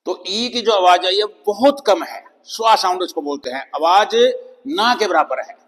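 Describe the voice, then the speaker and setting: A man with a Hindi accent teaching English pronunciation, slowly spelling out letters and repeating example words one by one. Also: high voice, fairly bright tone. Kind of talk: classroom-style pronunciation lesson. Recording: long reverb of a hall-like room.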